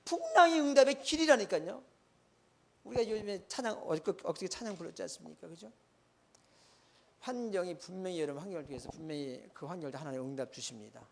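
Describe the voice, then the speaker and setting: A man preaching a sermon as a church pastor, telling a story with animated swings between loud outbursts and quiet asides. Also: a little high, quick pace, vocal fry, a little hiss or hum.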